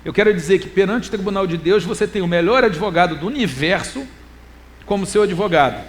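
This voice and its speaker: Brazilian man, middle-aged, high-pitched, lively preaching, loud emphasis then quiet asides. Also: a little hiss or hum. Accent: Brazilian Portuguese. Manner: quotes scripture in a slow, deliberate reading voice. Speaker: preacher and lecturer. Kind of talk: church talk sermon.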